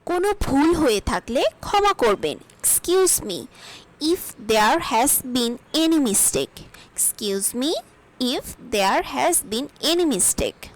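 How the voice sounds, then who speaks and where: A woman leads a spoken English lesson. Her fairly high voice moves a great deal up and down as she reads each sentence. She takes it very slowly and carefully, saying every line twice for learners. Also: big pitch swings, rough recording. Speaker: English teacher.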